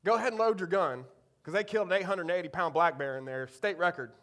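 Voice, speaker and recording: A man's voice: high voice, quick pace, fairly bright tone, slight background noise. A man voicing a blunt rural hunter with a thick Eastern North Carolina accent, giving directions matter-of-factly.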